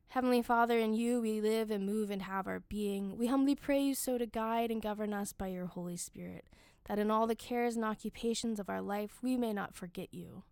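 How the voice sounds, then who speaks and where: Woman leading prayers, creaky, dry sound. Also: mid-range voice, darkish tone, no echo. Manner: measured, solemn recitation in short phrases. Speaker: worship leader reading the daily office. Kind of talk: liturgical prayer and scripture reading.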